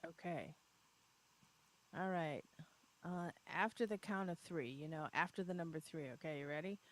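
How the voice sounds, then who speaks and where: A woman's voice: on the low side, normal speed. A woman co-hosting a live podcast broadcast, talking casually, upbeat and often laughing. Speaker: podcast co-host. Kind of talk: casual live-stream chat.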